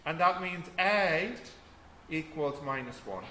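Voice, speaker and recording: High-voiced man teaching maths. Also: lively intonation, slow, bright, forceful tone. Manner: explains step by step, asks the class questions. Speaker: maths tutor. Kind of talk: classroom tutorial. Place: classroom. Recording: echoey classroom with faint noise.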